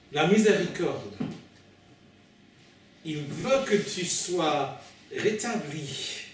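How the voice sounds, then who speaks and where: A man who is not a native French speaker preaches informally in French with a foreign accent, in a halting, hesitant way, repeating and correcting his words as he addresses listeners directly. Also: on the high side. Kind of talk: informal sermon at an evening meeting. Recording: very echoey room, distant mic, faint noise.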